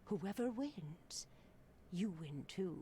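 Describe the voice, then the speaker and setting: A mysterious fortune teller in a video game. She is sly and cryptic, drawing out her words very slowly in a lowish voice. Faint ambient noise sits behind her. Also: animated, mellow. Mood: cryptic, foreboding.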